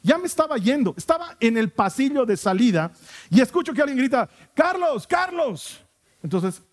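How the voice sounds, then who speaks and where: A man, a pastor telling a personal story in a sermon and acting out the people in it. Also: sits high. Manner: animated storyteller acting out quoted voices.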